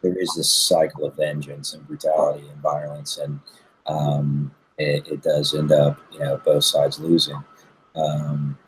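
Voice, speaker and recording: A man hosting an interview, asking measured questions and summarizing his guest's points. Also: very deep voice, flat delivery, a little hiss or hum, rough recording. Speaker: interview host.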